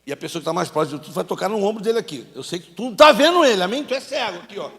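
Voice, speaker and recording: A man, a pastor coaching volunteers through a Bible scene in a sermon, joking and shouting cues. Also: high voice, animated, very fast, creaky, in a large hall.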